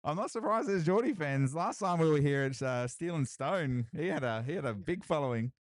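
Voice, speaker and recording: A man doing live, excitable commentary on a strongman deadlift event, hyping lifts and chatting with viewers. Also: fairly high pitch, a little fast, no room sound. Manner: excitable hype, repeated cheers and laughs. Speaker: livestream commentator.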